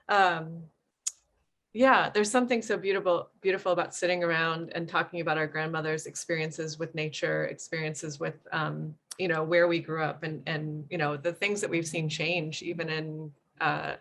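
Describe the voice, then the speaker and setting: Moderator: woman, lower voice, appreciative, rambling questions. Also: little pitch movement, normal speed, fairly bright tone. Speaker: panel moderator. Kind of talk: panel discussion.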